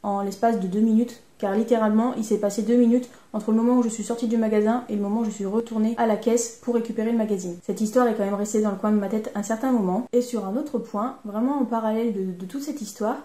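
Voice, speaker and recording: A woman's voice: fairly high pitch, steady tone, fast, few pauses, warm tone. A woman with a French accent, telling a sewing vlog story in a chatty, self-mocking way. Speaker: sewing vlogger. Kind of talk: casual vlog narration. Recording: echoey room.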